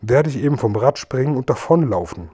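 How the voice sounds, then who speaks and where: A man voicing a chatty, indignant old grandmother, with a high, fluttering, raised voice. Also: expressive, a little fast, dark tone, husky.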